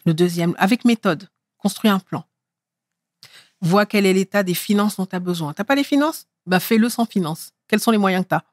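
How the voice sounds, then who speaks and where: A middle-aged actress from France speaking in a relaxed interview, lively and emphatic as she tells her story. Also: mid-range voice, normal speed, no room sound, clean studio sound. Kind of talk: casual interview talk.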